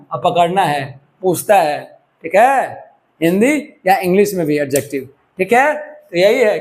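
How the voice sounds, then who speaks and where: A man with a high, slightly mellow voice, recorded on a microphone, teaches a grammar lesson for exam prep. He talks to his students in a relaxed, conversational way and keeps checking that they're following along.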